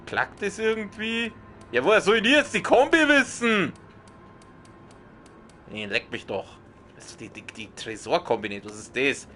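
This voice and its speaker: A man with a Bavarian accent doing excited, swearing let's play commentary on a horror game, often yelling and yelping. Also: sits high, moderate pace, long pauses, a little hiss or hum.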